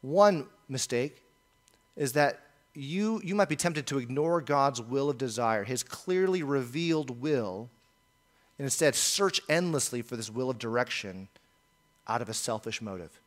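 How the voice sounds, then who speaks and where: A man's voice: medium pitch, expressive, a little slow. A male pastor preaching a sermon in an earnest, emphatic way, often repeating key phrases.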